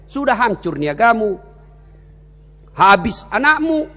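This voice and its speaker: A pushy devil tempter needling his victim in a high, loud, mocking voice that swoops all over, as a male preacher acts him out. It echoes through a hall with a long tail. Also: big pitch swings, slow pace, faint music behind, full character voice. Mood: taunting.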